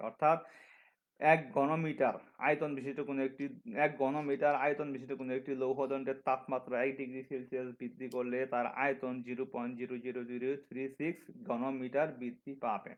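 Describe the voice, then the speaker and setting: Male physics instructor from Bangladesh, mid-pitched, methodical, dictating formulas; slightly dull recording. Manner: methodical, dictating formulas step by step, restarts and self-corrections. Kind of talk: recorded classroom lecture.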